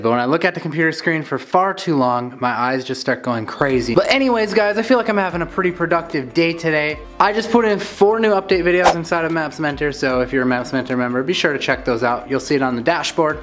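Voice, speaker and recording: A young man talks straight to his viewers in a casual vlog, upbeat and chatty. His voice sits a bit high for a man, and he speaks into a phone used as a mic. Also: fairly bright tone. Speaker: vlogger.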